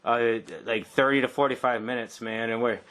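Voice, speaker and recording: A man of forty hosts a casual podcast interview, talking loosely and effusively. He keeps adding "man" to his lines and sounds like a relaxed regular guy. His voice sits at an ordinary middle pitch. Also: normal speed. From Detroit area, United States. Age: 40s. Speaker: podcast host.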